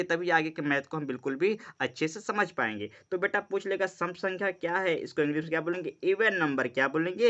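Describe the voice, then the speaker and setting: A male math teacher leads an exam-prep lesson in a drilling, repetitive way, calling his students "beta" and answering his own questions. His voice sits high and sounds bright and forceful. The recording is dull and lo-fi.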